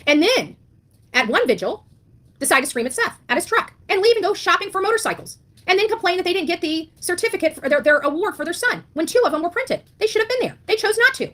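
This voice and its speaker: A woman with a very high, slightly bright voice speaks quickly and with animation. She's an online commentator on a missing-child case, delivering a blunt, indignant, impassioned monologue full of rhetorical questions and emphatic repetition.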